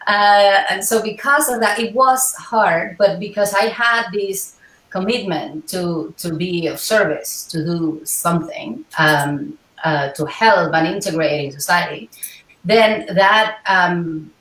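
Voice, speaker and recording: A Cuban-born woman in her forties, a scientist and healer, speaks slowly and thoughtfully in an interview, pausing and hesitating often. Her voice is fairly low yet fairly bright, and she sounds distant from the mic in an echoey room.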